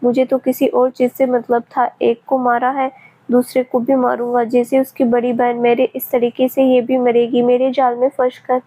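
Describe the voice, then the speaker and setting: A woman's voice: on the high side, monotone, normal speed, warm tone, natural voice. A woman reading as a sly scheming male villain. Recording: tinny phone-like sound.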